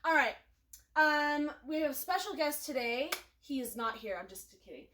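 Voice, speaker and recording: A woman with a high, light voice hosts a relaxed interview, chatting loosely and giggling between questions with plenty of "um"s. The room around her sounds echoey. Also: moderate pace, noisy background. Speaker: interview host. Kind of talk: casual interview chat.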